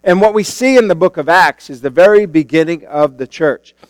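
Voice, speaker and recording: A man's voice: on the high side, brisk, no room sound, low-quality recording. A male pastor preaching a sermon into a pulpit microphone in a church, in a casual, conversational way with many fillers and restarts. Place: church sanctuary.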